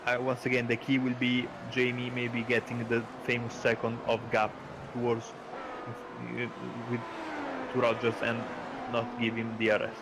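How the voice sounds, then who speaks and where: Guy co-commentating a race, thinks out loud, kinda halting, mid pitch, cars noisy behind. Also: monotone. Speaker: motorsport co-commentator. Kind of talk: live sim racing commentary. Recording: clear car noise behind.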